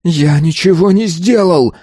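A man voicing a desperate young male disciple who cries out in a high, broken voice. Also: big pitch swings, takes it slowly, warm tone, husky, no room sound, studio quality, exaggerated voice.

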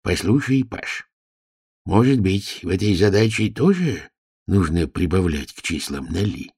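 A man voicing a pompous, slow-witted king who muses quietly in a storybook reading. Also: sits low, sing-song, slightly rough, no room sound, clean studio sound, exaggerated voice. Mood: pompous, musing.

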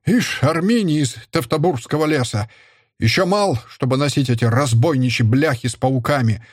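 A furious, scornful father who shouts and sneers, as a male narrator puts him on in a raised, husky voice. His bitterness comes through in every line. The recording is dry and close. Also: medium pitch, sing-song, normal speed, no echo. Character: furious stern middle-aged father, a historian.

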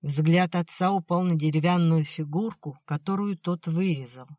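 An audiobook narrator reading a novel in a measured, plain manner. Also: mid-range voice, a little mellow, dry recording, studio quality. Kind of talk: scripted narration.

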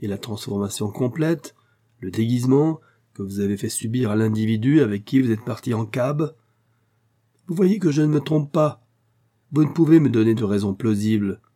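Brief: male narrator playing a haughty young rich woman, scornful and commanding, raised voice over a mellow timbre. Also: medium pitch, normal speed, voice pushed up, close to an everyday voice. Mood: imperious. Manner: imperious, scornful. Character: haughty young woman, proud spoiled heiress. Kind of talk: audiobook character reading.

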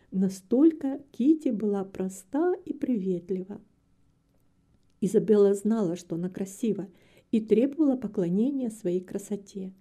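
A woman narrating an audiobook novel in a calm, even storytelling manner. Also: medium pitch. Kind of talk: scripted narration.

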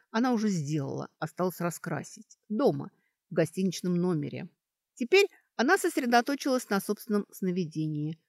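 A woman narrating an audiobook in an expressive storytelling manner. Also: medium pitch, no room sound, studio quality. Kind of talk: scripted narration.

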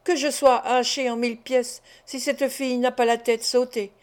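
A brutal, gruff male robber from a storybook, harsh and bullying, barking orders and threats, as a woman narrator reads him. His voice is loud and pushy, set a little higher than a man's usual. It is read aloud in a fairly high register. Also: level tone, moderate pace, close to an everyday voice. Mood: angry.

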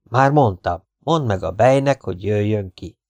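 A fat, rude scorpion charmer who scolds and brags in an unhurried, low voice, as a male audiobook reader puts him on. He sounds sly and self-satisfied. The recording is close and dry. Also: lively intonation, a little mellow, no room sound, natural voice. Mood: bossy. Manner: blunt, scolding, slow and cocky. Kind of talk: audiobook character voice.

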